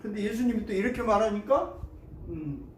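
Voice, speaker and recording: Male pastor, sermon, high voice, lively storytelling, echoey church hall, distant mic. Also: normal speed, slight background noise. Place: church sanctuary.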